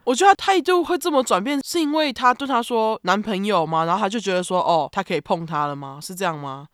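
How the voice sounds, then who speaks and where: A woman's voice: mid-range voice, animated, smooth, no echo, clean studio sound. A woman with a Taiwanese Mandarin accent, co-hosting a podcast and reasoning aloud in her replies. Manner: quick, reasoning aloud in reply. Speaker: podcast co-host. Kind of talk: casual podcast chat.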